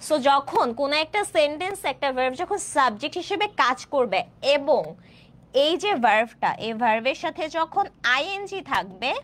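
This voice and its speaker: Woman tutor, twenties, high pitch, lively rising and falling voice, slow drawn-out examples, grammar class. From Bangladesh. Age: 20s. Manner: keeps asking students questions to check understanding; stretches out example sentences slowly. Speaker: admission test English tutor.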